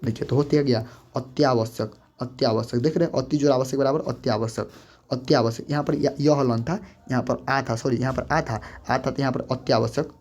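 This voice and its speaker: A man's voice: mid-range voice, fairly even intonation, fairly quick, darkish tone. A man teaching a grammar lesson, repeating steps and quizzing the listener as he goes. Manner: repetitive, coaxing, quizzes the listener. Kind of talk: board-explaining grammar lesson.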